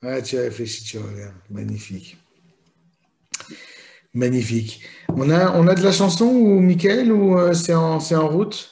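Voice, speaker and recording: A man's voice: a little high, measured pace, gravelly, darkish tone. A young man co-hosting a casual online show, playful and bantering.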